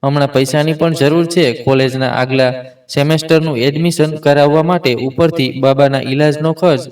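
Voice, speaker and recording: Storyteller, male, middle pitch, steady read with small slips, voice a little away from the mic. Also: recorded from a distance. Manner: reads all parts in one steady voice, with small slips and restarts. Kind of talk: scripted narration of an emotional family story.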